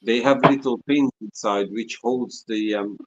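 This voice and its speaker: A man chatting casually in hesitant, halting short phrases. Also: mid-range voice, highs cut off. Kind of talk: casual chat.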